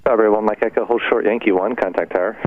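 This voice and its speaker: A man's voice: fairly low pitch, steady tone, fast, phone-quality sound. A man working as a ground air traffic controller, giving taxi instructions over a radio. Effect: radio transmission. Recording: thin band-limited radio, faint static.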